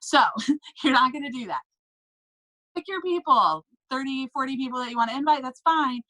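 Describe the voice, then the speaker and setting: A woman coaching direct sellers in a casual, emphatic talk, often checking in with short tag questions. Her voice sits a little high and sounds bright and forceful. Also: animated, normal speed, rough recording. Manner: upbeat, emphatic, checks in with "okay?" and "right?". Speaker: direct sales team leader.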